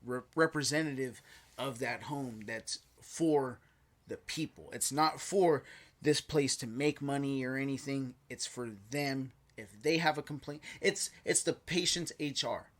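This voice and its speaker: A man's voice: medium pitch, a little slow, a bit bright. A man chatting casually as a podcast co-host, slangy and swearing often, repeating phrases for emphasis. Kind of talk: casual chat.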